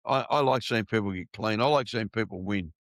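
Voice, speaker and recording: A man's voice: on the low side, brisk, dry recording, studio quality. A middle-aged Australian man hosting a casual interview, blunt and full of swearing and mateship talk. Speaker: podcast host.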